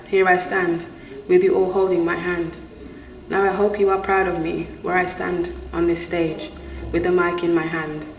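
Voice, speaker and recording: A middle-aged woman, a mother of grown sons, reciting her own poem in a steady, even voice. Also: on the low side. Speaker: interview guest. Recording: echoey room, distant mic, faint noise.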